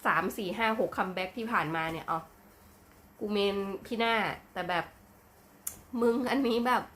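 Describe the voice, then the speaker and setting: A woman vlogger giving an excitable, casual reaction commentary, full of gasps and crude slang. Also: medium pitch, moderate pace.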